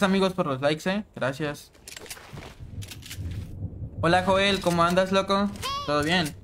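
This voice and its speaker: A man in his twenties with a Mexican accent, chatting casually while streaming a game, greeting viewers in slang, humming and breaking into shouts. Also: sits high, slight background noise. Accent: Mexican Spanish. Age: 20s. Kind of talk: casual live-stream chat.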